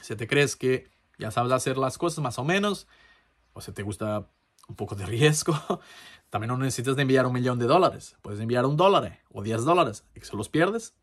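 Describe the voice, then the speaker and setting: A man's voice: medium pitch, expressive, moderate pace. A man whose first language is Portuguese, talking to his channel in Spanish with a Portuguese accent, casual and hesitant, full of fillers and restarts. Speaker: crypto channel host. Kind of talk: casual tutorial talk to camera.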